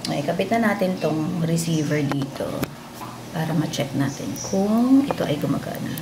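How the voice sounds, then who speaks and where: A Filipino woman with a slightly gravelly, lowish voice talks slowly through a mic unboxing. She sounds stuffy from a cold, chatting casually at home. There is clear background noise behind her. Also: expressive. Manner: chatty, testing mic with repeated hellos. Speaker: vlogger reviewing a microphone. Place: home room with an electric fan. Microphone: phone with wireless lavalier.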